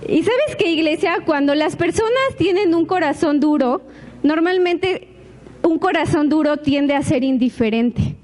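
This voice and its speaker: Woman pastor preaching, high voice, keeps asking the church questions. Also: measured pace. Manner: lively, addresses congregation with frequent rhetorical asks. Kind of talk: sermon.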